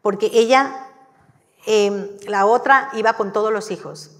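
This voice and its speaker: A woman giving a sermon in a church, telling the story in a lively, conversational way. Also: medium pitch, a little slow. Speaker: church speaker. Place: church hall. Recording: long hall reverb.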